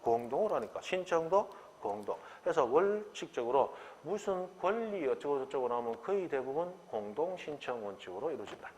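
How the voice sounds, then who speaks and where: Animated male law lecturer, reverberant hall. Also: fairly high pitch, brisk, hardly any pauses, a little hiss or hum. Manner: animated, acts out quoted dialogue, rhetorical questions. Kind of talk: exam-prep lecture.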